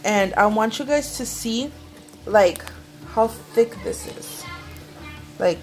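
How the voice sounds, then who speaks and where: Brief: young woman, slightly high voice, unhurried bilingual kitchen chatter, phone camera, light music behind. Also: darkish tone. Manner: switches between English and Spanish mid-sentence. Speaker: home cooking vlogger. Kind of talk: casual cooking vlog chat. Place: home kitchen, indoors. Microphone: handheld phone camera.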